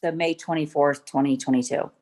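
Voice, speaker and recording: A woman's voice: low voice, fairly even intonation, fairly quick, a little mellow. A middle-aged woman giving courtroom testimony over a video call, rambling with many ums and restarts. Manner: rambling, full of ums and self-corrections. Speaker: witness.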